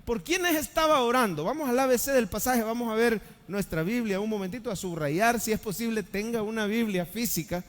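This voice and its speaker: High-voiced preaching man in echoing church. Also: a little fast, hardly any pauses. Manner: preaching with dramatic rises in pitch and volume, addressing the congregation. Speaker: pastor. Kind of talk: live church sermon. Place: church sanctuary. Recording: long church-hall reverb.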